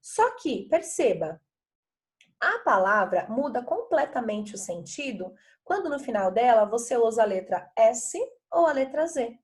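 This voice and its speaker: A woman's voice: a little high, very animated, a little slow. A middle-aged woman teacher from Brazil walking pupils through workbook exercises in a video lesson, patient and chatty, often checking that they follow.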